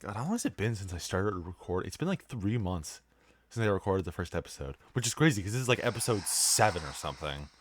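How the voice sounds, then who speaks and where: A man's voice: sits low, expressive, quick pace, slight background noise. A young man rambling casually with lots of fillers while commenting on his gameplay as a let's play host. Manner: rambling, laid-back, many fillers.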